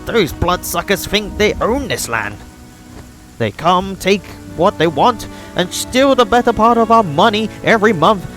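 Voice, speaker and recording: A man's voice: sits high, animated, a little slow, a bit bright, faint music behind, pitched above the performer's own voice. A man voicing an aggrieved middle-aged male frontier innkeeper, reading his lines with indignant complaint.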